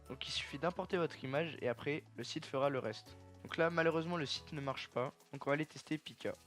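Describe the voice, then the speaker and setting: A young man casually talking viewers through a software tutorial step by step, chatty and informal. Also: a little high. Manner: chatty, step-by-step, addresses viewers as "les gars". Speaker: tutorial creator.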